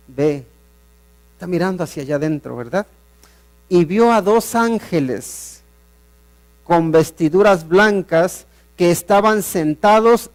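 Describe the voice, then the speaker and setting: A man preaching a sermon in a church service, explaining a passage and asking his listeners rhetorical questions. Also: high voice. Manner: explains Bible passages with rhetorical questions, swings loud and soft. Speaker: pastor.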